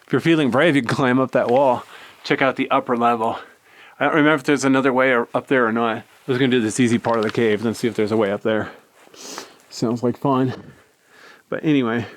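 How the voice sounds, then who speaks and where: Filming himself as he explores inside a cave, a man gives relaxed, rambling tour commentary. He speaks fast in a medium pitch with fairly even intonation. The handheld recording has clear background noise.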